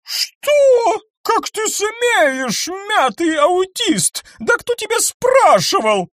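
Guy doing a screechy shouting rich lady, way high, super loud, dry sound. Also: animated, measured pace, creaky, no room sound, exaggerated voice. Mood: outraged. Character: shrill hysterical rich old female alien fraud.

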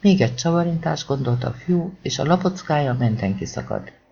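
A man's voice: on the high side, lively intonation, creaky, a little mellow, breathy edge. A man reading a crime thriller audiobook aloud in a tense, dramatic storytelling manner. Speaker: audiobook narrator. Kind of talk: scripted audiobook narration. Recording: dull lo-fi recording.

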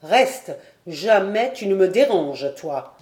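A woman's voice: fairly low pitch, expressive, warm tone, echoey room. A woman voicing a breezy, proud middle-aged painter father in a storybook reading. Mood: curt. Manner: light, brisk, then cold and clipped.

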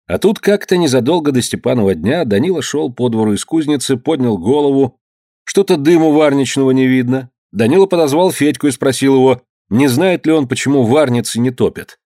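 A man narrating an audiobook of a historical tale in an expressive storytelling manner. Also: mid-range voice, a little fast, no room sound, clean studio sound.

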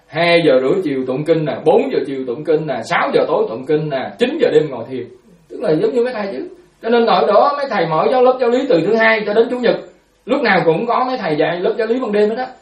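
A Buddhist monk giving a storytelling dharma talk. He speaks in an animated way, repeats words and acts out quotes. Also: high-pitched, reverberant, distant mic.

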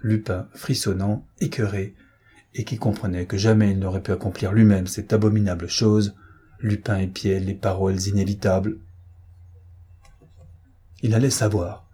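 A man narrating an audiobook in a measured, grave storytelling manner. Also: lowish voice, little pitch movement, mellow, breathy edge. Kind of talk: scripted narration.

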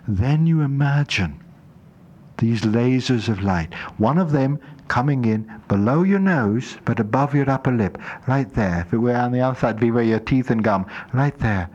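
A man's voice: mid-range voice, darkish tone, muffled recording. A man talking as a spiritual teacher, guiding an exercise in an emphatic, instructive way. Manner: emphatic, instructive, slips into dramatized voices. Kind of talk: guided spiritual exercise talk.

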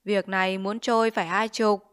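A woman's voice: mid-range voice, level tone, moderate pace, fairly bright tone, clear, resonant tone, close to an everyday voice. A woman voicing a greedy, bullying male village chief who sneers and makes threats in a Vietnamese storybook reading. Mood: sly. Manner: blustering, sneering, extorting.

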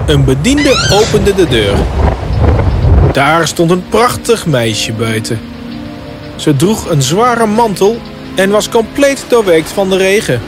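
A man reading a scripted fairy tale as a storybook narrator. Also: fairly high pitch.

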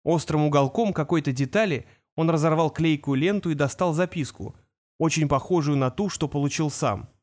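A man reading a fantasy audiobook in a steady, measured storytelling manner. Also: on the high side. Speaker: audiobook narrator. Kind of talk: scripted fantasy narration.

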